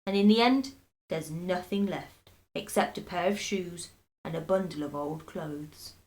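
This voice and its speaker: Bullying storybook husband, voiced by a woman: spiteful, taunting, slow and emphatic, savoring every threat. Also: on the low side, a little mellow, lightly acted. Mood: mock solemn. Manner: taunting, drawn-out mock solemnity.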